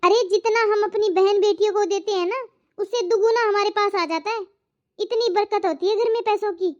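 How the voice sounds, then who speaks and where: A shrill, very high nagging mother-in-law in a cartoon moral story. She scolds, accuses and lectures without letup. The audio is slightly dull and lo-fi. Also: steady tone, normal speed. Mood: scolding. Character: scolding middle-aged mother-in-law, nagging and sharp-tongued.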